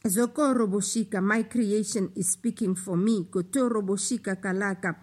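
A woman delivering a slow, solemn prophetic utterance, with passages of speaking in tongues between declamatory lines. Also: medium pitch, steady tone, darkish tone, breathy edge. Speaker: prophetic preacher.

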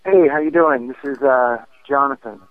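A man's voice: medium pitch, moderate pace, dry recording. A man calling a radio show over a phone line, casual and upbeat, often saying "man". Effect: phone-line call-in audio. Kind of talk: casual call-in chat. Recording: tinny phone line, dry.

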